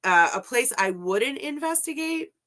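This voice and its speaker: Woman in her forties, bright voice, chatty guest, animated storytelling, frequent laughter. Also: high voice, a little slow. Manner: animated storyteller, laughs often, says like a lot. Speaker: ghost hunter guest. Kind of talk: casual interview chat.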